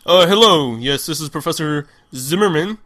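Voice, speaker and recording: Brief: a flustered professor voiced by a man, bright-toned and a touch high, stammering through apologies, homemade audio drama. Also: expressive, moderate pace. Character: flustered, absent-minded male professor.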